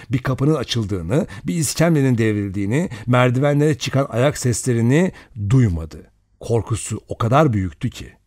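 A man narrating an audiobook dramatically, slowing and speeding for suspense. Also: mid-range voice, no room sound, studio quality. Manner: expressive, varies pace for suspense.

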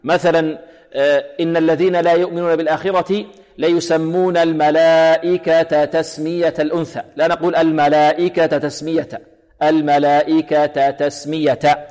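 Man, tajweed teacher, explains then drawls out examples, raised pitch, reverberant hall. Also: level tone, a little mellow. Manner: explains rules, then slowly demonstrates letters and verses. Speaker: Quran recitation teacher. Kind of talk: tajweed lesson with recited examples.

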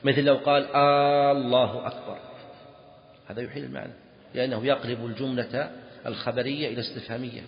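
A man's voice: medium pitch, steady tone, vocal fry. Man teaching in a hall. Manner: slow deliberate explanation, asks students questions. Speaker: teacher of Islamic law. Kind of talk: explaining a read-out text to students. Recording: lo-fi recording in a reverberant hall.

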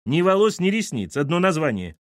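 A man's voice: on the high side, big pitch swings, brisk, dry recording, studio quality, voice pushed up. A man voicing a skeptical, sarcastic mother-in-law who dismisses everything in an audiobook. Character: snorting skeptical middle-aged mother-in-law.

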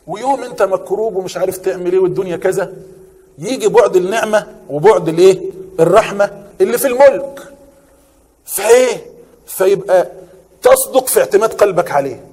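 Fast-talking Egyptian preacher in a hall. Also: male voice, high-pitched, slightly rough. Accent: Egyptian Arabic. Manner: animated, asks and answers his own questions. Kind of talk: sermon.

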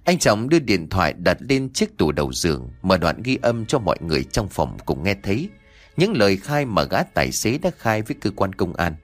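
A man's voice: deep voice, sing-song, normal speed, soft background music. A man narrating a first-person ghost story in a scripted reading.

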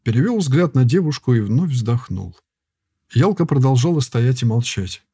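A man reads a novel aloud in a measured, intimate way. His voice is dark and husky. The recording is close and dry, with no room sound. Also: medium pitch, expressive, no room sound. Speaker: audiobook narrator. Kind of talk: scripted narration.

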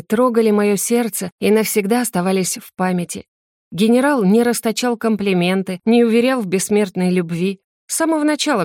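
A woman narrating a first-person fantasy audiobook in a gentle, expressive storytelling manner. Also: mid-range voice, dry recording, studio quality.

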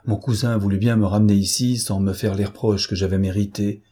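A man's voice: on the low side, steady tone, brisk, mellow, husky. Dosia, a man voicing a tender young woman. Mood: remorseful. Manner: confessing earnestly, then shy and tender. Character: impulsive young woman, tearful then happy. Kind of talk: audiobook character reading.

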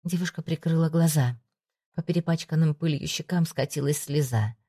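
A woman reading an audiobook as narrator in a measured, even manner. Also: deep voice, breathy edge. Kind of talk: scripted narration.

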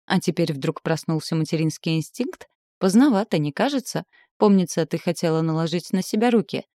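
A woman's voice: fairly low pitch, fairly quick, no room sound, studio quality, natural voice. A woman reading a cold, sneering man. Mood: cold menace. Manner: calm, sneering and threatening. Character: cold, menacing man, the captor's brother.

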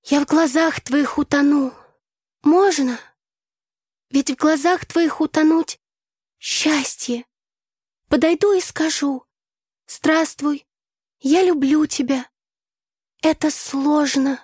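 A woman voicing a sharp-tongued young drama student who declaims poetry theatrically and mocks others in an audiobook. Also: high voice, slow pace, pauses often, no room sound, studio quality, pitched above the performer's own voice. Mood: declaiming. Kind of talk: audiobook character voice.

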